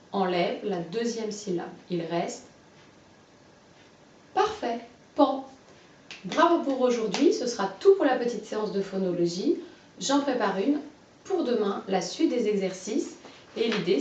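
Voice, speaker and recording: In this muffled, distant home video recorded in a roomy space, a woman walks a young child through phonics, sounding out each syllable slowly and clearly and cheering them on. Her mid-range voice is a little mellow, with slight hiss or hum.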